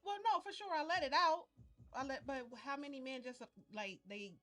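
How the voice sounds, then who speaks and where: A woman's voice: high-pitched, big pitch swings, brisk, pushed and bright. A woman on a podcast speaking directly and plainly about letting out her feelings. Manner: direct, matter-of-fact. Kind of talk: casual chat.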